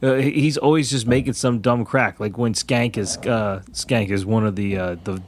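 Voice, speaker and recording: A man's voice: fairly low pitch, fairly even intonation, normal speed, slight background noise. A man in his forties co-hosting a casual movie discussion, chatty and eager to point out small details he noticed. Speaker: podcast co-host.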